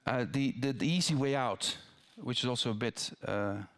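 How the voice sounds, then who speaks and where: An older Dutch politician takes audience questions in a town-hall dialogue on a theatre stage, wearing a headset mic. His voice is mid-range and a bit bright, at normal speed. He's thoughtful, restarting sentences and adding asides.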